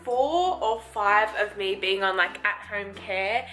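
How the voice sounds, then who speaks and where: A young Australian woman chats to her camera at home, her bright voice carrying a tired, unwell edge. She talks casually with plenty of "like" fillers and a self-mocking tone, in an echoey room. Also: mid-range voice, slow, faint music behind. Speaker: vlogger. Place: home apartment, indoors. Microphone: handheld camera.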